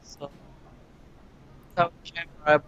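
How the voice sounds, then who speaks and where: A man presenting his company's software over a video call. His audio is cutting in and out, so his volume is uneven, and he talks in short, broken phrases. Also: takes it slowly, muffled recording. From Korea.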